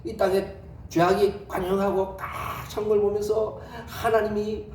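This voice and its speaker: A man's voice: high-pitched, flat delivery, measured pace, a little mellow. A male pastor preaching a sermon, telling the story with lots of rhetorical questions. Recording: echoey hall, distant mic, faint noise.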